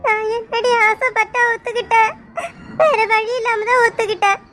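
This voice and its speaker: A woman's voice: extremely high pitch, flat delivery, moderate pace, slight background noise. Nettavalli, a tearful village girl, voiced by a woman. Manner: soft, sorrowful, pleading.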